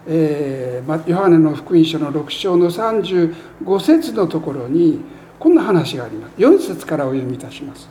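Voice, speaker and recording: A pastor delivers a sermon in a high, animated voice that swoops up for emphasis. He sounds earnest, with measured pauses between phrases, and his pitch climbs and dips freely as he preaches. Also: slight background noise.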